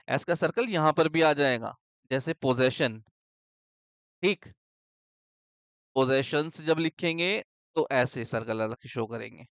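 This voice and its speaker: A man's voice: mid-range voice, fairly bright tone, clear, resonant tone, no room sound. A man teaching a shorthand lesson in a casual, explanatory way. He keeps asking questions and answering them himself, and he checks in with his students often.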